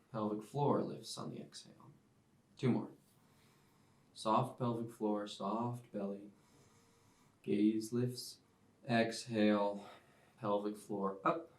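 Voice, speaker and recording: A man teaching a yoga class, giving calm step-by-step cues timed to the breath. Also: fairly low pitch. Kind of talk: guided yoga class instruction. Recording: roomy sound, mic at a distance.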